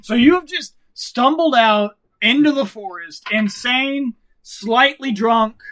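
High-voiced man running a tabletop game. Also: takes it slowly, fairly bright tone. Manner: playful, laughing narration. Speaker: game master.

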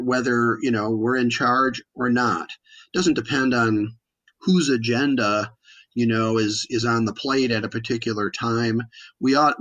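An American man speaking as an expert guest in an interview, explaining politics in an emphatic but halting way. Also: mid-range voice, a bit bright, low-quality recording.

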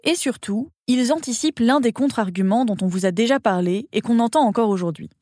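A woman's voice: on the high side, brisk, darkish tone, no room sound, clean studio sound. A woman narrating a scripted history documentary with conversational touches.

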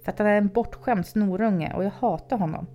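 A woman's voice: mid-range voice, highs cut off, slight background noise, pitched above the performer's own voice, lightly acted. A woman voicing a frightened young boy who speaks in an urgent, confiding way. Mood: upset.

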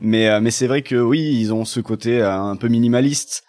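A man's voice: medium pitch, fairly even intonation, a little fast, darkish tone. A man analysing football tactics in casual conversation as a pundit.

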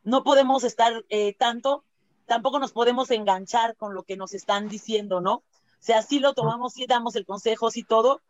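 A woman with a Mexican accent, appearing as a laughter-doctor guest, chats casually and brings her stories to life by acting out quotes, using many tag questions and fillers. Her voice is slightly high at a moderate pace, with a lo-fi sound and no echo.

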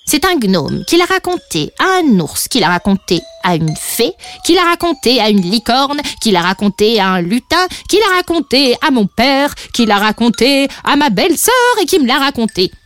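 A woman's voice: on the high side, big pitch swings, moderate pace, hardly any pauses, a bit bright, faint music behind. A woman voicing a chatty, gossipy little male sprite who talks in an eager, hesitant way, in a storybook reading.

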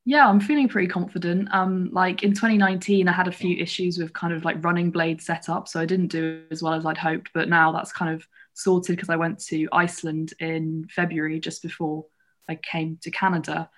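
A woman in her twenties, an athlete from England who grew up in London and Bath, chats casually as a podcast guest in a southern English accent. Her voice is on the low side and level in tone, and she talks a little fast.

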